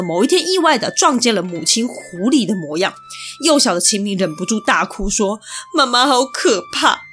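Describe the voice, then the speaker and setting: A woman hosting a history podcast, telling old legends in a chatty, explaining way and spelling out the characters of words. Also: medium pitch. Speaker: podcast host. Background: soft background music.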